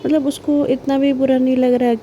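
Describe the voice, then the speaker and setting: A woman's voice: high-pitched, little pitch movement, fairly quick, dark tone, slight background noise. A woman retelling a serial love story in a chatty way, acting out the characters' lines as she goes. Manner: chatty, retells scenes with quoted dialogue, sings snatches of film songs. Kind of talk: casual spoken storytelling.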